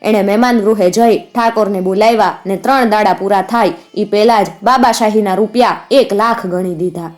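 A woman with a Kathiyawadi Gujarati accent narrating a folk tale in a steady, vivid manner. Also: medium pitch, normal speed, few pauses, soft background music.

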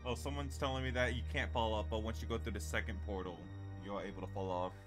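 A man's voice: on the low side, steady tone, quick pace, music in the background. A young man chatting casually as he streams a game. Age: young adult. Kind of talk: casual gaming chat.

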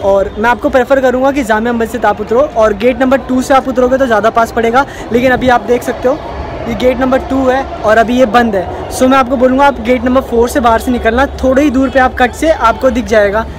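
A man's voice: very high voice, fairly even intonation, brisk. A young man talking straight to his viewers in a casual vlog, filmed on a phone held at arm's length at an outdoor street market. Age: young adult. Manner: chatty, addresses viewers directly. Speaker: vlogger. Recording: loud crowd and music around.

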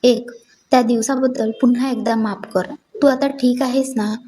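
A woman's voice: a little high, steady tone, normal speed, dark tone, slight background noise, close to an everyday voice. A woman voicing a talkative, cheeky young man who teases a new coworker. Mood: teasing. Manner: teasing, playful banter.

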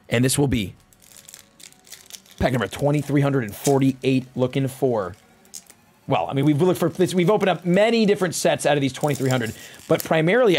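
A young man chatting casually to livestream viewers in slangy, bro-heavy talk, swinging from low asides to loud, excited hype calls. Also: slightly rough. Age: young adult. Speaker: live streamer opening card packs. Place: indoor streaming room at home.

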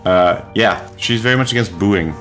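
A man's voice: lowish voice, normal speed, fairly bright tone, soft background music. A man co-hosting a let's play, chatting in a dry, laid-back way while he plays. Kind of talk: casual gameplay banter.

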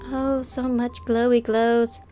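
A woman streamer chatting her way through a game, unhurried and playful. Her voice sits a bit high and she drags her words out slowly. Soft background music plays beneath her. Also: flat delivery. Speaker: gameplay streamer. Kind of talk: casual let's-play commentary.

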